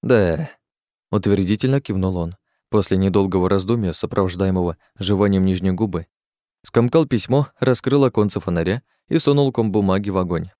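Male narrator, low voice, measured fantasy narration, dry close sound. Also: warm tone, no echo. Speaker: audiobook narrator.

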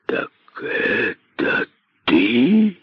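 A man voicing a great python king who is cold, scornful and menacing, speaking slowly and with contempt in an audiobook. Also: medium pitch, wildly swooping pitch, husky, no echo, dull audio, full character voice. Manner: slow, contemptuous, threatening.

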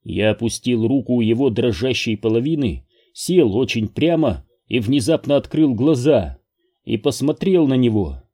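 A man reading an audiobook aloud in a slow, measured, even manner. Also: medium pitch. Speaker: audiobook narrator. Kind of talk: scripted narration.

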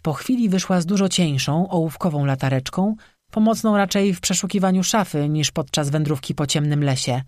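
An audiobook narrator reading a spooky storybook in a steady, measured way, close to the microphone. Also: mid-range voice, no echo.

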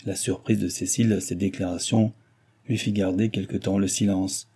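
A man reading a classic novel aloud as audiobook narration, in a measured literary way. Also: sits low, fairly even intonation, mellow, slightly rough.

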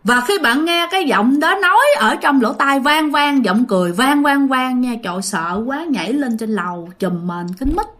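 A woman with a Southern Vietnamese accent narrating a ghost story in casual, conversational style. Her voice sits a little high and swoops expressively. She speaks straight to her listeners. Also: moderate pace, hardly any pauses. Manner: animated, chatty, addresses listeners directly.

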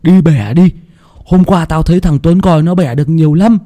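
A man voicing a chubby, loud, teasing village boy, shouting and joking. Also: fairly high pitch, a little fast, voice pushed up, lightly acted. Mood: eager. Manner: shouty, cheeky, laughing.

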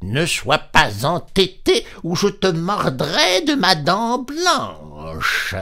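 A man doing a squeaky, bossy old field mouse. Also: huge pitch swings, extremely slow, sharp tone, exaggerated voice. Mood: scolding. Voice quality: squeaky falsetto. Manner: scolding, nagging.

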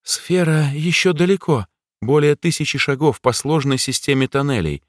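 A man voicing a secretive young assassin woman who speaks in a hush, her voice set higher than the narrator's own. The sound is close and dry. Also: moderate pace, no echo, close to an everyday voice. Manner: hushed, whispering.

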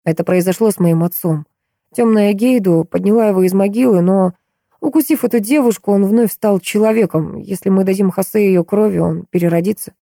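A woman reading an audiobook, voicing a calm, soothing male vampire. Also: mid-range voice, a little fast, creaky, no room sound, clean studio sound.

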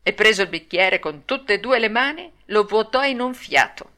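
A woman narrating a children's classic audiobook in an expressive, animated manner. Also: mid-range voice, normal speed. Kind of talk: storybook narration.

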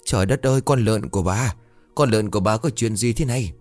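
A man's voice: lowish voice, animated, brisk, darkish tone, soft background music, natural voice. A man voicing an older village woman who owns a pig, lamenting in a raised voice. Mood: wailing.

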